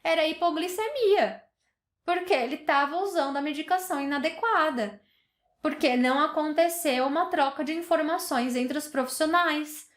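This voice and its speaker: A woman doctor with a Brazilian Portuguese accent explaining a topic in an educational talk, with many fillers and restarts. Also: high-pitched. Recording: echoey room.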